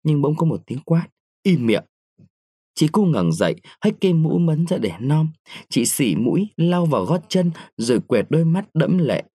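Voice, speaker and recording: A man reading a short story aloud in an expressive storytelling manner. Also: on the high side, normal speed, slightly rough, no echo, studio quality. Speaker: story reader.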